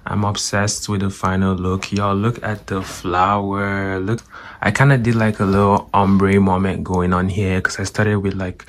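A young man talks casually into his phone camera in a slightly low voice. He is relaxed and chatty and leans on fillers. Faint noise sits behind him. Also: a little slow. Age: young adult. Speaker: vlogger. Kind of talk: casual vlog chat. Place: indoors at home and at a campus library.

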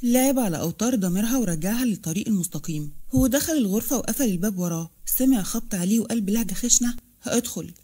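A woman's voice: medium pitch, animated, very fast, hardly any pauses, warm tone, husky. A woman with an Egyptian accent narrating a romance novel. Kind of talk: story narration.

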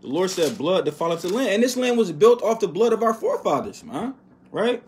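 A man giving an informal Bible lesson, reading verses slowly and with emphasis, then dropping to a quiet "man" or "right?" after each point. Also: high voice, sing-song. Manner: reads verses slowly and loudly, tags lines with "right?" and "man". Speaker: bible teacher. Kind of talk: informal scripture teaching.

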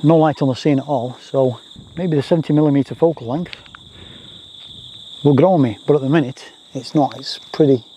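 Speaking at a medium pitch with a dark tone and a slightly quick pace, a landscape photographer vlogs outdoors on a grassy rural roadside. His commentary is chatty, casual and self-deprecating, and he often repeats his phrases. Faint outdoor noise and insects can be heard.

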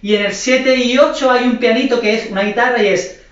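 A man's voice: very high-pitched, steady tone, a little fast, a bit bright. A male dance teacher leading an online class, counting beats and singing the rhythm with sound words while encouraging his students. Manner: encouraging, speaks to the class directly. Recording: echoey room, far from the mic, dull sound.

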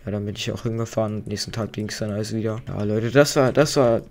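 A man's voice: on the low side, fast talker, vocal fry, darkish tone. A young man hosting a let's play, telling a story in casual, rambling, slang-heavy chat. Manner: slangy, rambling, chatty with many fillers. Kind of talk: casual gaming commentary while storytelling.

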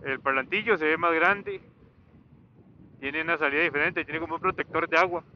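Riding a motorcycle on a highway, a vlogger chats off the cuff in a fairly high voice at a fairly quick pace. He rambles, hesitates, and repeats himself, picked up dully by a helmet intercom mic with faint motor and road noise behind.

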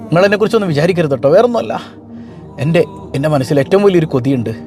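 Preacher doing humble bread seller guy, pleading, high quick voice. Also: lively intonation, darkish tone, faint music behind. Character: humble devout male bread seller, yearning.

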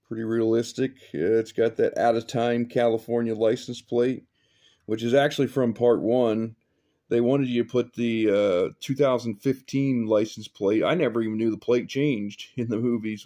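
A man chatting casually while showing his hobby builds off camera, relaxed and rambling, with fillers and small chuckles. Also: medium pitch. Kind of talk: casual show-and-tell chat. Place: indoor hobby room, filming his own builds.

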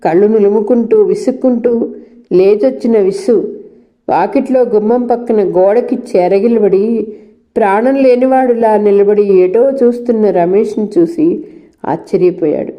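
A woman storyteller reading a novel aloud in steady, scripted narration. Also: mid-range voice, measured pace, lo-fi sound.

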